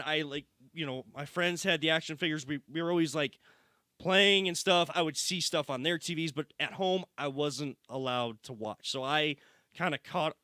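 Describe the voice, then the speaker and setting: A man's voice: on the high side, pushed and bright, no room sound, clean studio sound. A man in his thirties, a guest on a podcast, explaining his view at length in an earnest tone. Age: 30s. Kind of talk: casual podcast chat.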